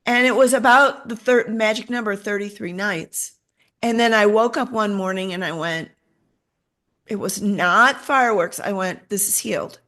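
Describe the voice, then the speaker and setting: A middle-aged woman shares a personal story in an interview. She talks in an animated way, taking on the voices of the people she quotes as she goes. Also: mid-range voice, moderate pace. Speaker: interview guest.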